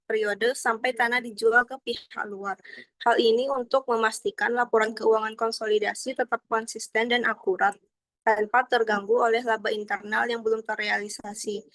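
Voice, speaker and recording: Presenting accounting slides for a class, a young adult woman speaks formally and explanatorily, reading some of it out. Her voice is fairly high and a bit bright, with no room sound.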